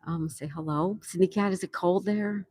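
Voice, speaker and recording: A lowish, darkish-toned voice at a moderate pace belongs to an older New Yorker hosting an outdoor patio livestream. She chats casually and reads viewers' messages aloud with frequent laughter, in studio quality with no room sound.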